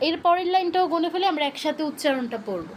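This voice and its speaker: High-voiced woman teaching a chanting class. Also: animated, a little hiss or hum. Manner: drills pronunciation by chanting verses slowly; patient, corrective questioning of students. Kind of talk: online class instruction. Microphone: video call.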